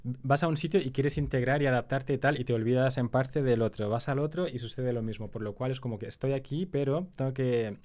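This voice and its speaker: A young man, a guest telling his story in a casual interview, animated when he retells scenes and slower when he reflects. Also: mid-range voice. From Spain.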